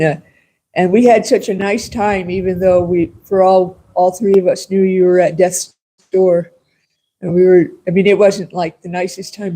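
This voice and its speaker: A man with a fairly high voice and a soft, mellow tone offers a casual reflection. He rambles informally, as a class participant sharing a comment would. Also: low-quality recording.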